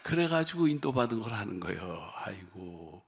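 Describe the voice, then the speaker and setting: Male revival preacher, gravelly and bright, animated call-and-response delivery, long hall reverb. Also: fairly low pitch, moderate pace. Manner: dramatic storytelling, swinging from shouts to whispers. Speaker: pastor. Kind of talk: revival sermon. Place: prayer retreat sanctuary.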